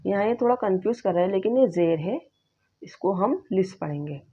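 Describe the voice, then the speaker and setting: A woman teaching Urdu reading, slowly sounding out and patiently repeating each syllable. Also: mid-range voice, lively intonation, breathy edge. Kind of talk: slow spelled-out reading lesson. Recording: slightly dull lo-fi sound.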